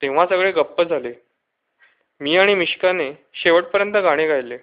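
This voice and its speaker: A man narrating a children's storybook, switching into lively quick voices for the characters. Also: a little high. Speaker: audiobook reader. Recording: dull lo-fi recording.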